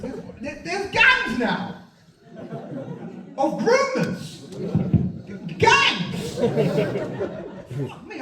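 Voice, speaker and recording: A man doing a crude, mocking stand-up set before a laughing crowd, dropping to mutters and bursting into loud outbursts. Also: very high voice, heavy background noise. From England. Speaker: stand-up comedian. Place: comedy venue with a live audience. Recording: echoey room mic'd from a distance, loud crowd laughter.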